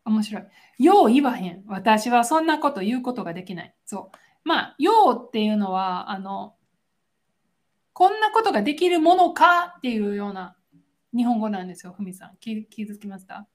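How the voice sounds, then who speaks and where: A woman's voice: fairly high pitch, big pitch swings, moderate pace. A woman with a Kansai accent chatting casually as a podcast co-host, explaining phrases and laughing often. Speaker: podcast co-host, Japanese teacher. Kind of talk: casual chat.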